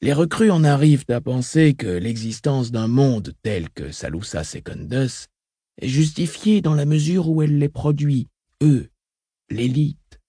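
A man voicing a calm, calculating mentat advisor in an audiobook, soft-spoken and reasoned. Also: medium pitch, measured pace, breathy edge, dry recording, clean studio sound, voice pushed up. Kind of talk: audiobook reading.

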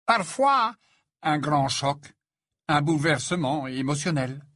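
Man doing a slow, measured grown wizard. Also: extremely high pitch, animated, no room sound, pitched above the performer's own voice. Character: Lupin, calm grown wizard, slow-spoken.

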